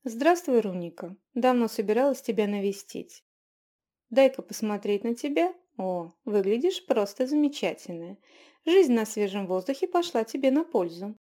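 Woman voicing a brisk, wry healer witch. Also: a little high, animated, mellow.

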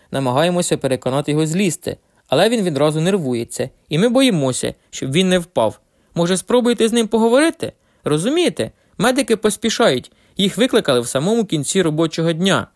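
A man doing a businesslike policeman. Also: a little high. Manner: explaining, businesslike. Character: calm matter-of-fact male policeman.

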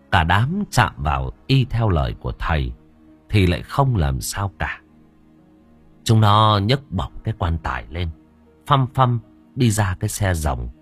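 A man narrating an audiobook, telling the story in an expressive, animated way. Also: low-pitched, slightly rough.

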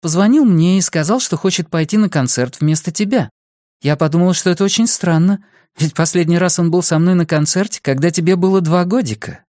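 A man's voice: darkish tone, dry recording, clean studio sound, close to an everyday voice. A male audiobook reader voicing an emotional, scolding middle-aged mother who exclaims readily. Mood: wry. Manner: shrill, emotional, quick to exclaim. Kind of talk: audiobook character voice.

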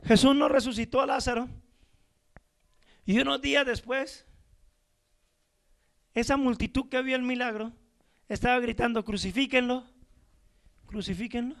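A man's voice: extremely high pitch, fairly even intonation, normal speed, creaky, pauses often, a bit bright. A male pastor preaching a sermon, pressing his listeners with rhetorical questions and calling them brother.

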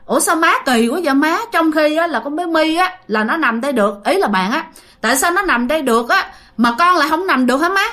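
A woman's voice: high voice, animated, fast, pushed and bright, voice pushed up. A woman voicing a frightened middle-aged aunt who pleads with her dead mother. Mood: pleading.

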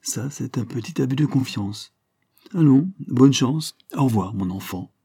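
A man's voice: mid-range voice, animated, measured pace, warm tone, breathy edge, no echo, studio quality, pitched above the performer's own voice. A man voicing a plump, scheming German businessman who talks brusquely and impatiently in an audiobook. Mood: scolding.

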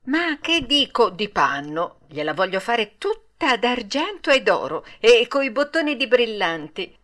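A lively wooden puppet boy chatters in a high, eager voice, put on by a woman reading a storybook aloud. His lines leap up and down with excitement. The reading stays clear and close. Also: measured pace. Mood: dreamy.

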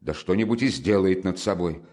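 A man's voice: low voice, lively intonation, brisk, a little mellow. A man voicing a drunk, blustering young man in a spoken storybook, rambling and slurred. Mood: urgent half-whisper.

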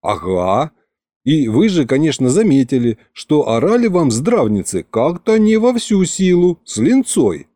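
A man reading an audiobook, voicing a cheeky young male courtier who flatters eagerly and sounds excitable. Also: on the high side, measured pace, no room sound, studio quality, pitched above the performer's own voice. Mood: eager flattering.

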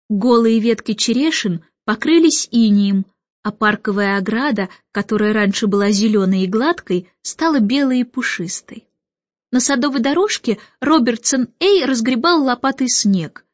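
A woman narrating a children's storybook in a lively, expressive way. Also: fairly high pitch, no echo, muffled recording. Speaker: audiobook reader.

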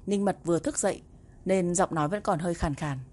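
A woman narrating a romance novel audiobook in a steady, even storytelling manner. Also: fairly low pitch, brisk.

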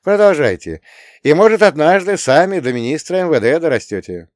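A man doing a cocky young auditor, lively. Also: a little high, a little fast, no echo, clean studio sound, voice pushed up. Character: cocky, confident male auditor hero, young adult.

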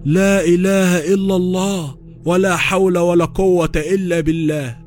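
A man's voice: mid-range voice, a little fast, soft background music, close to an everyday voice. A man voicing a kindly old village man with an Upper Egyptian accent, hearty and sorrowful in an audio horror story. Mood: earnest. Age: older.

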